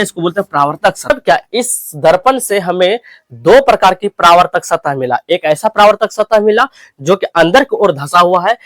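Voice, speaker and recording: A man's voice: sits high, fairly bright tone, no echo. A young man teaching a physics lesson, asking questions and answering them himself, repeating key terms for his students.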